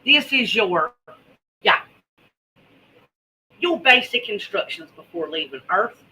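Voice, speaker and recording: A woman hosts a casual livestream. Her voice is very bright and forceful, and she takes her time, drawling and repeating words for emphasis. There is some noise behind her. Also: mid-range voice, animated, takes it slowly, rough recording. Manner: folksy, drawling, emphatic repetition. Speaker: host of a homesteading preparedness vlog.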